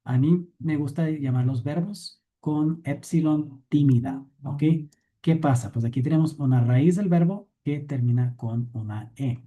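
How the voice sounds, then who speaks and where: A man teaching Greek grammar in a recorded lesson. He explains step by step, thinks aloud with fillers and corrections, and often checks in with a quick question. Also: on the high side, dark tone.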